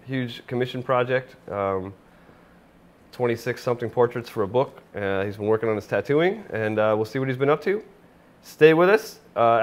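A man in his thirties hosting an online tattoo show, talking in a relaxed, friendly way with fillers. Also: medium pitch. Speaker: host. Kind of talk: casual interview host. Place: indoor studio room.

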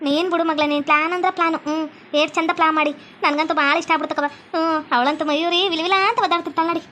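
A woman's voice: high-pitched, level tone, rapid-fire, sharp tone, slight background noise. A woman voicing a scheming, spiteful old mother-in-law with a North Karnataka Kannada accent, gloating and repeating her words. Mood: complaining. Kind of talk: cartoon comedy voice acting.

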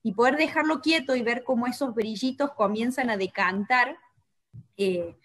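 A woman with a Chilean Spanish accent calmly explaining parenting techniques on a local talk show, with frequent hesitations. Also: a little high, moderate pace. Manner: calm, explanatory, many hesitations. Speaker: co-host. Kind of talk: casual talk show conversation.

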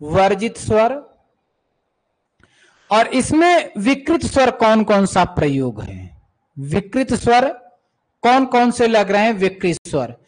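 A man's voice: high-pitched, sing-song, takes it slowly, long pauses, rough recording. A man coaching students for music teacher exams, who repeats key terms and speaks to students as "beta" while answering viewer questions.

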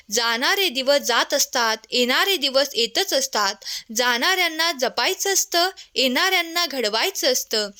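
Woman narrator for devotional messages, high pitched, tender and gentle delivery. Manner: gentle, tender address to the listener as a child.

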